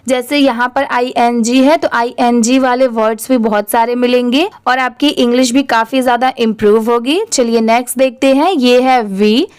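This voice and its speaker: A woman's voice: a little high, steady tone, normal speed, hardly any pauses, darkish tone, clean tone, no echo, studio quality. A woman teaching English reading who spells words out letter by letter and then blends them into whole words. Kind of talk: slow spelling-out reading lesson.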